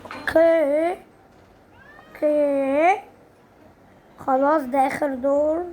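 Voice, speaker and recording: Shrill excitable Egyptian gamer woman. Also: slow pace, a little hiss or hum. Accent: Egyptian Arabic. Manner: excitable, with sudden squealing exclamations. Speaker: gaming channel host. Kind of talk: casual gameplay commentary.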